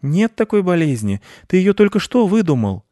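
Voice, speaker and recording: A man's voice: sits high, big pitch swings, moderate pace, mellow, no echo, clean studio sound, voice pushed up. A man voicing a stubborn young boy who whines and protests in a storybook reading. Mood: protesting. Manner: whiny and protesting. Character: young boy hooked on his phone, stubborn.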